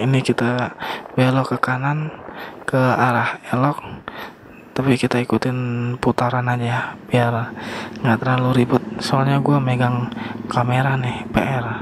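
A young man talks his viewers through a motorbike ride in a flat, laid-back voice. He sounds relaxed and slangy, recorded on a camera mic on the move. Engine and street traffic noise sit clearly under his words. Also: medium pitch, measured pace, long pauses. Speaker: motovlogger. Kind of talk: casual riding commentary. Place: riding a motorbike on town streets outdoors.

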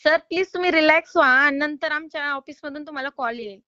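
A woman's voice: high voice, a little fast, sharp tone, dry recording, dull audio. A woman calling to collect a loan payment, polite but insistent and exasperated. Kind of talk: phone call.

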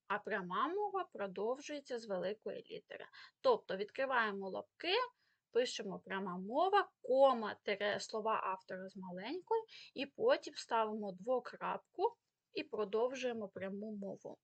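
A woman with a high, light voice and a Ukrainian accent teaches an exam prep lesson. She explains rules step by step, with filler pauses. She reads out example words one at a time with clear stress. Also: a bit bright. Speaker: Ukrainian language tutor.

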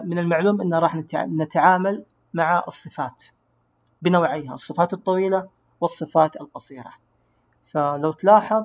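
A man, an English teacher giving a recorded grammar lesson, who explains patiently and slows down to pronounce English words. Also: high voice, darkish tone.

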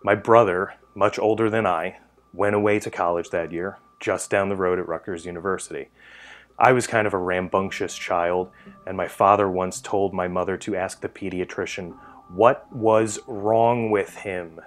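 A middle-aged American man from New Jersey reads a scripted first-person narration for a horror docuseries, sounding like an author telling a personal essay. His deep voice moves at a moderate pace with fairly even intonation. Guitar music plays as a bed behind him.

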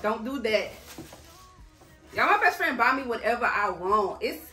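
A middle-aged American woman vlogger chatting casually to camera in a playful, slangy, expressive way. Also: fairly high pitch, unhurried, echoey room, soft background music.

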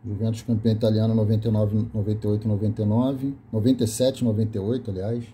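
Fast and level, the Brazilian man's mellow voice sits on the low side, with a little hiss or hum present. Filming his VHS collection in a small room, he reads the labels aloud in a list-like, casual way and corrects himself along the way. His accent is Brazilian Portuguese, and he stays off camera.

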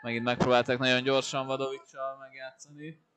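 Even-toned male co-commentator. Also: mid-range voice. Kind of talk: analytical sports commentary. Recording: faint pool-hall noise behind the voice. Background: indoor pool ambience.

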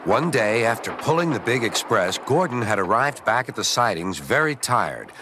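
A man narrating a children's train story in a gentle, expressive storytelling way. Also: mid-range voice, moderate pace, background noise. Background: loud music.

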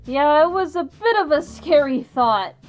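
A woman's voice: high voice, lively intonation, a little slow, faint music behind. A woman chatting casually through a fursuit head, laughing often as she tells her story. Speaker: vlogger, fursuiter. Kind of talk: casual chat.

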